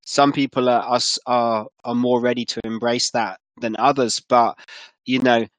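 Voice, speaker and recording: A man hosting a conversational interview, halting and repeating words as he thinks. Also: medium pitch, flat delivery, no room sound.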